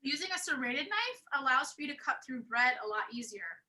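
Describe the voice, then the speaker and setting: Bubbly high bright-voiced woman host. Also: very animated, brisk. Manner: bubbly, gushing with praise. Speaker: cooking class host. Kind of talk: live online cooking class.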